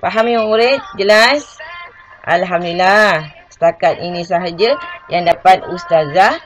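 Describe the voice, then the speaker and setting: A Malaysian woman teacher leads an online lesson in a lowish voice, repeating each point patiently and checking that her pupils follow. Faint music plays behind her. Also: a little slow, dull audio. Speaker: religious schoolteacher.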